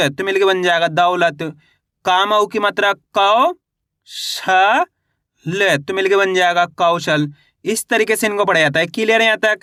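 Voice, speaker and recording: A man's voice: sits high, bright, forceful tone, no echo. Man, teacher, reading lesson, stretched-out sounds, dry close mic. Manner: asks questions then answers them, drawing out vowel sounds.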